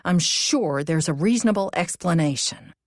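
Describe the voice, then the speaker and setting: A woman reads as an anxious amateur sleuth in a cozy mystery audiobook. She is a loyal woman, emphatic and questioning, with animated pitch and a dry sound. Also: moderate pace, no echo, lightly acted. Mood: defensive.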